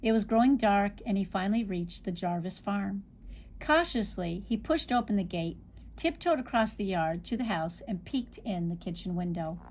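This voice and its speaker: A woman reading a children's picture book aloud, expressive, with small slips and restarts. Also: medium pitch, normal speed, a little hiss or hum. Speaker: storybook reader.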